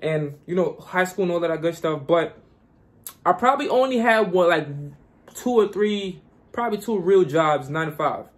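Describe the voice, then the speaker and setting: A man's voice: sits high, expressive, normal speed. A young man from Guyana vlogging casually and giving hyped, repetitive motivational advice.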